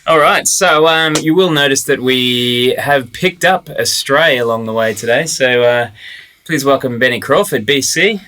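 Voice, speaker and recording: A man's voice: medium pitch, unhurried, pushed and bright, slight background noise. A man with a broad Australian accent hosting a podcast in a laid-back, matey, casual way. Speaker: podcast host. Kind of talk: casual chat.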